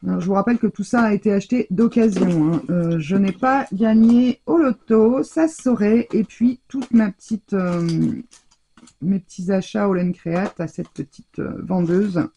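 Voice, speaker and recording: A woman's voice: mid-range voice, normal speed, mellow, husky. A woman chatting casually in a haul video from her home craft room, talking with lots of hesitations and fillers. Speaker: scrapbooking vlogger.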